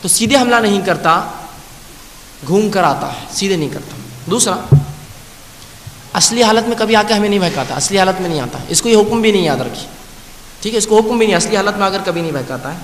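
A man preaching a sermon, slowly reciting scripture and then explaining it with repeated phrases. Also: high-pitched, expressive, a bit bright. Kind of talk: Urdu sermon with Quranic recitation. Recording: echoey hall with faint hiss.

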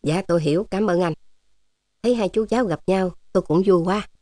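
A woman's voice: on the low side, brisk, warm tone, no echo, clean studio sound, lightly acted. A woman voicing a polite, grateful middle-aged man in a storybook.

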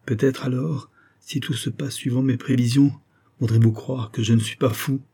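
A man's voice: mid-range voice, fairly even intonation, normal speed, mellow, slightly rough, pitched above the performer's own voice. A man reading as a terrified, haunted recluse. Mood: feverish. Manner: feverish and dread-filled. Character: haggard, terrified male recluse convinced he is haunted. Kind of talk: audiobook reading.

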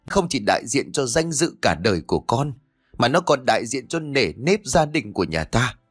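A man's voice: on the high side, lively intonation, moderate pace, vocal fry, breathy edge, soft background music, voice pushed up, heavily acted. A man voicing a distraught middle-aged mother who reproaches her daughter in a wailing tone. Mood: tearful reproach. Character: grieving scolding middle-aged village mother.

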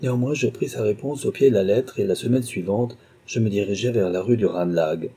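Low husky male storyteller. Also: fairly quick, dark tone. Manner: dramatic, suspenseful reading. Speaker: audiobook narrator. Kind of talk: scripted narration of a short story.

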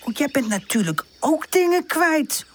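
A woman's voice: high voice, sing-song, unhurried, slight background noise, pitched above the performer's own voice. A woman voicing Pip, a careful little girl puppy. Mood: gentle. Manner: cautious, doubting yet loyal. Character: cautious sensible little female puppy. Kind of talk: children's audiobook character voice.

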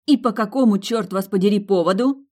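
Brief: woman voicing angry young heroine, loud and commanding, pitched up. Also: fairly quick, close to an everyday voice. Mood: furious. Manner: shouting, commanding like a general. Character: furious young woman, sharp and indignant.

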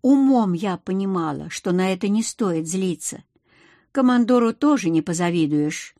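Woman narrator, measured storytelling, dry close sound, audiobook. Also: medium pitch, lively intonation, dark tone, no room sound. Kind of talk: first-person audiobook narration.

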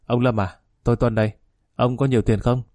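A man's voice: medium pitch, flat delivery, brisk, darkish tone, no echo, clean studio sound, lightly acted. A man voicing a shrewd, bullying middle-aged male security chief who talks bluntly and gives orders. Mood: scheming.

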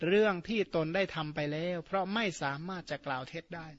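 A man's voice: high voice, fast, lo-fi sound. A man, a Buddhist monk whose first language is Khmer, giving a dharma talk that retells scripture with casual spoken asides. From Surin, Thailand. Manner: explains terms, adds colloquial asides and tag particles.

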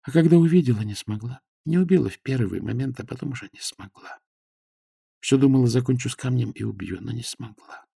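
A man voicing a gravely wounded young woman who speaks weakly but clearly, in a faint, halting way. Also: mid-range voice, warm tone, no echo, clean studio sound, voice pushed up. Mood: weak, tender. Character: dying young woman, weak and tender.

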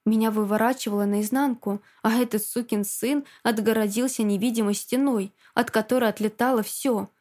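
A woman's voice: fairly high pitch, fairly even intonation, normal speed, few pauses, a little mellow. A woman reading a first-person audiobook with tense, emotional delivery. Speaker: audiobook narrator.

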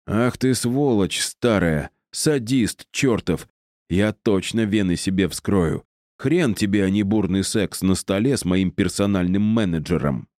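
A man voicing a cheeky young office clerk who flatters and bargains. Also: lowish voice, no echo, clean studio sound, voice pushed up, close to an everyday voice. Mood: furious. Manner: flattering, wheedling, quick to bargain.

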